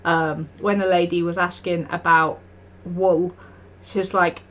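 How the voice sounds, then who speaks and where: Live on stream, an art streamer with a fairly low voice speaks slowly in a level tone, and the highs in the audio are cut off. She's chatty and storytelling, often laughing and acting out quotes.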